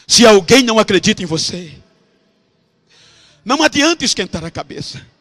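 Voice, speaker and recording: Brazilian pastor, high bright gravelly voice, swings from hush to shouting. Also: male voice, sing-song, normal speed. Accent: Brazilian Portuguese. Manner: swings from hushed storytelling to shouted climaxes. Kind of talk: dramatic preaching sermon.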